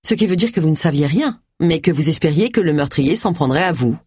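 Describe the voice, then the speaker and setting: A blunt, nosy amateur sleuth who keeps pressing people with questions, voiced by a woman reading the story. Her delivery is insistent and rises and falls a lot. The voice is husky and dry. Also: deep voice, lively intonation, fairly quick, darkish tone, no echo.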